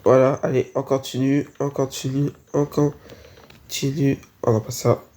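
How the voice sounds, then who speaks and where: Slow, flat-voiced gaming tutorial narrator. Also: medium pitch, a little hiss or hum. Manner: hesitant, repeats "voilà" and "on continue". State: slightly sick, sneezing. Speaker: Minecraft building tutorial creator.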